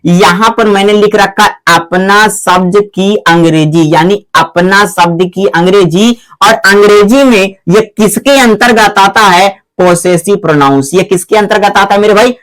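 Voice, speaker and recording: ऊँची आवाज़ वाला हिंदी शिक्षक, बच्चों को समझाता हुआ. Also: male voice, high-pitched, fairly even intonation, measured pace, few pauses, a bit bright, poor audio. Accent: Hindi-speaking North Indian. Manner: repeats questions and answers them himself, calls viewers "my children". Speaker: English teacher. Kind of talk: classroom-style video lesson.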